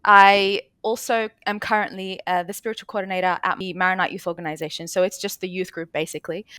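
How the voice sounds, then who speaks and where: A woman's voice: fairly low pitch, flat delivery, fast, bright, forceful tone, clean tone, no echo. A woman, telling her story as a podcast guest, earnest and fluent with many "you know" fillers. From Australia (born in Lebanon). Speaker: guest, lawyer and Airbnb host.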